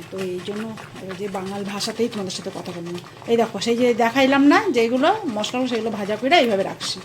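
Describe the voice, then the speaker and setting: A woman's voice: a little high, noisy background. Chatty Bengali woman with Bangal accent. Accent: Bangal East Bengali dialect. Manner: chatty, homely, addresses viewers as friends. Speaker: cooking vlogger. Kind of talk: casual cooking demonstration. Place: home kitchen. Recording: loud kitchen clatter of pots and stirring.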